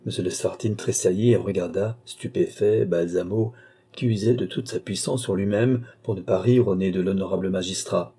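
Guy reading an audiobook, steady, husky dark voice. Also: low-pitched, normal speed. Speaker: audiobook reader. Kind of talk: audiobook narration.

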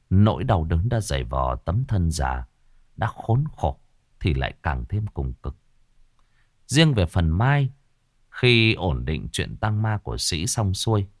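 Low-voiced man narrating a ghost story. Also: no echo, clean studio sound. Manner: dramatic, lingering on gruesome detail. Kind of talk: scripted horror story narration.

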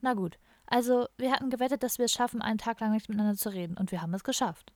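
A woman's voice: on the high side, fairly even intonation, rapid-fire, darkish tone, no room sound, clean studio sound, lightly acted. A woman voicing a cheerful, idealistic young hippie man who rambles on in a chatty, dreamy way. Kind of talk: audiobook character voice.

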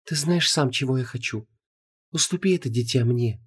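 A man's voice: mid-range voice, normal speed, husky. A man voicing a sweetly smiling, seductive goddess of love who speaks in a honeyed, coaxing, condescending way. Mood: persuasive.

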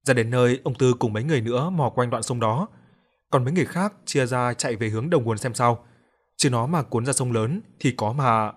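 A man narrating an audiobook in a steady, measured way. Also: medium pitch. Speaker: storyteller.

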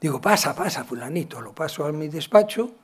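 Guy giving a talk, kinda high voice, tells stories and acts out the dialogue. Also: brisk, breathy edge. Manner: animated, acts out dialogue with shifts in loudness. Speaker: psychologist and educator giving a talk. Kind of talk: storytelling lecture.

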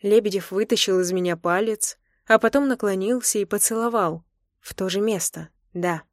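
A young woman reads a first-person romance audiobook in a medium voice, expressive and intimate. The recording is close and dry, with no room sound. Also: mid-range voice, moderate pace, no echo. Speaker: narrator.

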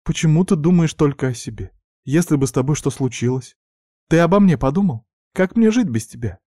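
A man's voice: mid-range voice, lively intonation, normal speed, mellow, no room sound, studio quality, voice pushed up, lightly acted. A man voicing a worried young woman scolding her younger brother in a pleading, upset way.

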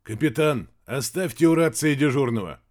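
A man's voice: mid-range voice, expressive, normal speed, darkish tone, close to an everyday voice. A man voicing a stern, curt male admiral in an audiobook, barking short orders. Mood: commanding. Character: stern commanding male admiral, middle-aged. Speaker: audiobook character.

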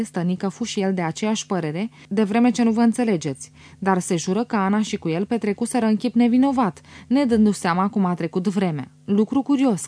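A woman reading a novel as an audiobook in an even, measured way. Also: mid-range voice. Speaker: audiobook reader. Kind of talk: scripted audiobook narration.

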